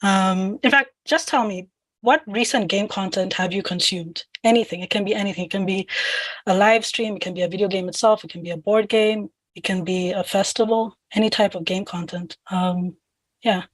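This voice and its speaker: A woman's voice: medium pitch, normal speed, dry recording, rough recording. A woman from Zambia, a game producer, moderates a panel discussion on a video call with a headset. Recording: dry close audio.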